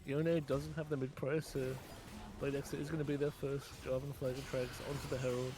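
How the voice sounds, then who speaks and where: A man calling esports play-by-play from his own room, rapid and rising in pitch during fights. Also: level tone, background noise. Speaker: play-by-play caster.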